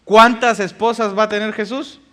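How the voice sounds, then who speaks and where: A man's voice: sits high, steady tone, normal speed, pushed and bright. A male pastor preaching a sermon, reading scripture aloud and putting rhetorical questions to the congregation. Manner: reads scripture passages aloud.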